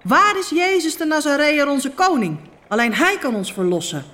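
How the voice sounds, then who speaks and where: A woman voicing a desperate crowd crying out, in a high, pleading wail. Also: lively intonation, moderate pace, sharp tone.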